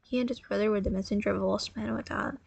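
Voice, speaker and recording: A tired woman telling a religious story in a casual, halting way, often correcting herself. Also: medium pitch, fairly even intonation, gravelly, darkish tone, slightly rough, no room sound. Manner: halting, self-correcting, apologetic.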